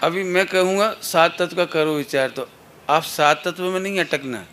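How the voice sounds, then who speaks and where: A man's voice: fairly high pitch, normal speed, background noise. Playful man leading children's chants. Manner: playful, coaxing, counts out chant cues. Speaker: teacher at a children's camp. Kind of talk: leading call-and-response chants.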